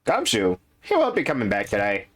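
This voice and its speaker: Lively-pitched man on a game stream. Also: brisk. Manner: relaxed, joking between read lines. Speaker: streamer reading game lines. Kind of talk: casual voice acting stream.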